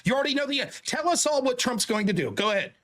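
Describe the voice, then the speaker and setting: A man's voice: very high-pitched, big pitch swings, quick pace, a bit bright. A man hosting a live call-in show, badgering and sarcastic, repeating his questions and swearing freely. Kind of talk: unscripted combative debate.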